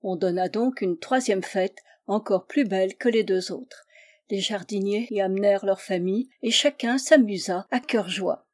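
A woman narrating a fairy tale aloud, expressive and storytelling. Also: medium pitch, moderate pace.

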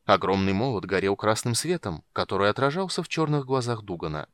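A man narrating a fantasy audiobook with a lively, dramatic delivery. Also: lowish voice, a little fast, dry recording, studio quality. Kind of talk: expressive fantasy audiobook reading.

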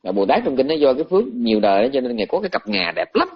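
A man's voice: mid-range voice, big pitch swings, very fast, vocal fry, breathy edge. A man giving a Buddhist dharma talk, telling stories in a conversational way and often repeating words as he searches for them. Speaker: Buddhist teacher. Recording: muffled lo-fi recording.

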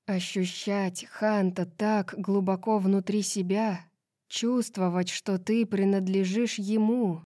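A woman narrating a fantasy novel as an audiobook, reading in a slow, measured way. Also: mid-range voice, mellow, no echo, clean studio sound.

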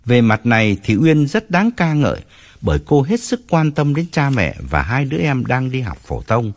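A man narrating an audiobook story with expressive storytelling. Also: mid-range voice, moderate pace.

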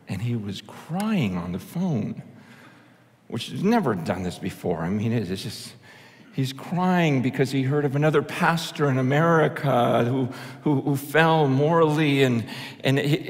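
A male pastor giving an impassioned, conversational sermon, often restarting his sentences. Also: on the high side. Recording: long hall reverb.

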